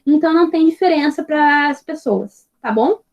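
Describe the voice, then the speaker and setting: A woman's voice: sits high, animated, highs cut off. A woman teaching an English grammar lesson, patient and explaining step by step, checking in with her students after nearly every phrase. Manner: spells out examples slowly and clearly.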